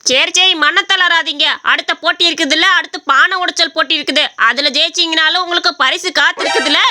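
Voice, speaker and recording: A woman's voice: very high voice, steady tone, fast, background noise. A woman voicing a cheeky, cocky young village man who teases others and brags in a cartoon story. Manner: mocking, boastful.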